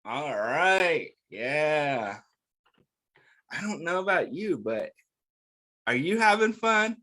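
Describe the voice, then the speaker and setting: A man hosts children's storytime, reading a picture book aloud and speaking directly to young listeners with simple, encouraging questions that he then answers. His voice sits a little high and sounds pushed and bright, with big swings in pitch and a slow pace.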